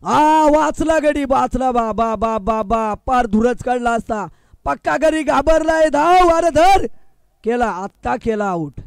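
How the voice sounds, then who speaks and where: A man's voice: very high voice, expressive, measured pace, creaky, smooth, no room sound. A man doing live commentary at a local cricket match, teasing the players in playful banter. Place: outdoor local cricket ground.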